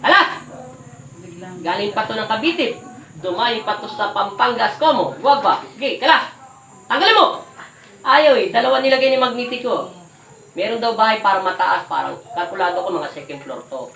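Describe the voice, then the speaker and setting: A woman folk healer interrogating a spirit during a healing ritual, commanding and repeating her questions loudly. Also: medium pitch, lively intonation, normal speed, gravelly. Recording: echoey room, voice from some distance, faint hiss.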